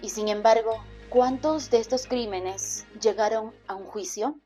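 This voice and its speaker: A woman narrating a documentary in a measured, solemn scripted voice. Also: fairly high pitch, dark tone, faint music behind.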